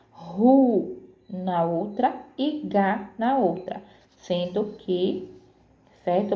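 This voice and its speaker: Lady teacher going thru syllables real slow, kinda echoey muffled room. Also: mid-range voice. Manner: slow, careful syllable-by-syllable explanations with frequent "certo?". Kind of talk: grammar lesson to pupils.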